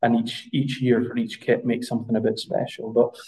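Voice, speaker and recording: Scottish man, flat hesitant delivery. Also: medium pitch, a little fast, rough recording. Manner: hesitant, many fillers and restarts. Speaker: brand representative guest. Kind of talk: podcast interview.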